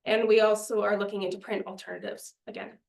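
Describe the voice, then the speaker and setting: A woman's voice: medium pitch, level tone, fast talker, gravelly, a little mellow. A young woman presenting a student media budget to a committee, earnest and persuasive, a little out of breath. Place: meeting room. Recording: echoey meeting room.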